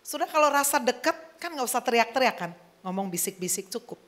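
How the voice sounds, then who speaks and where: A middle-aged woman pastor preaching a lively sermon, now and then slipping English phrases into her talk. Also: fairly high pitch, fast. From Indonesia.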